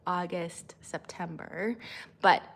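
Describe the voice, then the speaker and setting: A woman, chatting casually on a livestream, rambling with many fillers. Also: slow pace. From Canada. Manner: rambling with many fillers, high sing-song when coaxing her child. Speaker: vlogger and mother.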